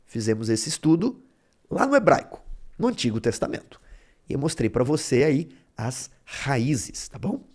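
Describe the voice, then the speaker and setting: A man's voice: medium pitch, very animated, moderate pace, darkish tone. A man teaching a Bible lesson, explaining word roots step by step and checking in with his listeners as he goes. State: throat bothering him.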